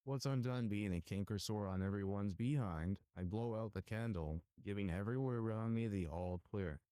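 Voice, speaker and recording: Low, mellow-voiced man giving a spoof testimonial. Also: moderate pace, no room sound, clean studio sound. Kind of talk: comedic infomercial testimonial.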